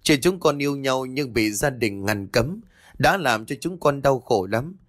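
A man's voice: mid-range voice, lively intonation, a little slow, no room sound, studio quality, lightly acted. A man voicing a frightened young pregnant daughter who stammers and pleads through sobs. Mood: pleading. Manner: stammering, sobbing pleas.

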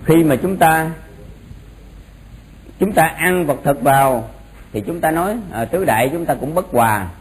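A man's voice: fairly high pitch, lively intonation, a little slow, pauses often, low-quality recording. A man giving an informal explanatory religious lecture, often repeating phrases for emphasis. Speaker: Buddhist monk teaching a doctrine class. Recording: noticeable background noise.

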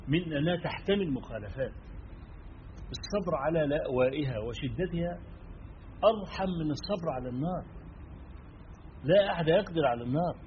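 A man with an Egyptian accent preaching a sermon, turning from emphatic stress to quiet asides and checking in with his listeners. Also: a little high. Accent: Egyptian Arabic. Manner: swings between emphatic and hushed, asks listeners "right?". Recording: dull lo-fi recording with faint noise.

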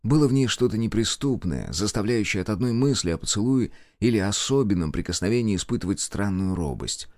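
A man's voice: on the low side, animated, fairly quick, few pauses, a little mellow, no echo, studio quality. A man narrating a novel as an audiobook, in scripted storytelling.

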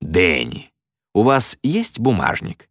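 A man voicing a smug stage magician with a slow, drawn-out, mocking showman delivery in a storybook reading. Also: on the low side, huge pitch swings, dry recording, clean studio sound, exaggerated voice.

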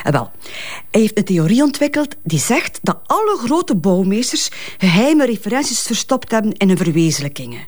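With a wistful, fond mood, an actress portrays a grieving mother fiercely protective of her family in a Flemish crime drama. She speaks hesitant West Flemish dialect with repetitions, in a mid-range, sing-song voice at normal speed.

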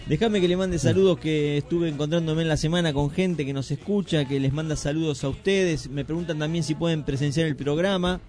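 A man co-hosting a radio show in a studio with a Rioplatense accent, excitable and eager, talking in casual banter. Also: on the high side, brisk, few pauses, faint music behind. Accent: Rioplatense Spanish. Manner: excitable, eager, keeps agreeing. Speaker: radio co-host.

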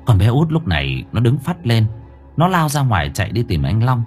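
A man's voice: medium pitch, very animated, a little mellow. Guy reading a spooky audiobook, voice swings up and down a lot, faint music under it. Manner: dramatic, drawn-out storytelling. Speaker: narrator. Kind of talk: horror audiobook narration.

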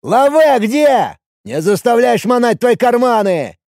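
A man voicing an aggressive young male thug who yells and swears. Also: sits high, very animated, a little slow, no room sound, clean studio sound, voice pushed up. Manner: yelling, swearing.

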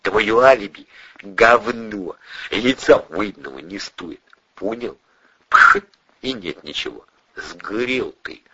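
A man's voice: mid-range voice, sing-song, measured pace, background noise, voice pushed up. A man voicing a sly, menacing middle-aged police colonel who mocks and coaxes a suspect. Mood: hushed menace. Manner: mocking, coaxing, drops to a threatening hush. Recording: dull dry lo-fi audio.

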